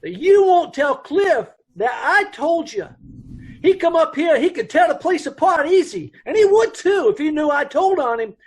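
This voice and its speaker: Speaking at normal speed, a male performer portrays a jittery middle-aged owner of a dance hall in an old-time radio play manner. He rambles, trips on his grammar, and his high voice makes big, wide pitch swings with an uneasy edge.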